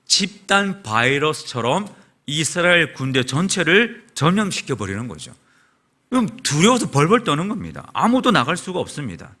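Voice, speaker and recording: A male pastor preaching a sermon in a church, telling the story in an animated way. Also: on the high side. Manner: animated storytelling, acts out quoted shouts. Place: church sanctuary.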